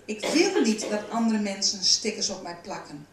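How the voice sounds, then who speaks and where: A woman's voice: medium pitch, big pitch swings, moderate pace, a little hiss or hum, close to an everyday voice. A woman doing a small, anxious wooden boy. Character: small timid wooden boy, unsure of himself. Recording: roomy, from a distance.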